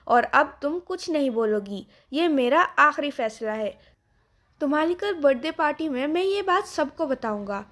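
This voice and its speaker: A woman voicing a stern, controlling rich father who scolds his daughter. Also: high-pitched. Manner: scolding, commanding.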